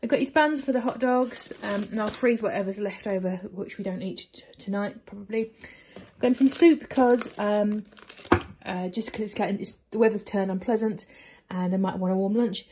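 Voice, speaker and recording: A woman's voice: mid-range voice, normal speed, a little mellow, slight background noise. A woman in her forties with an English accent, chatting casually through a grocery haul in her home kitchen, recorded on a phone camera held at arm's length. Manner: chatty and upbeat, many fillers and restarts. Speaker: vlogger.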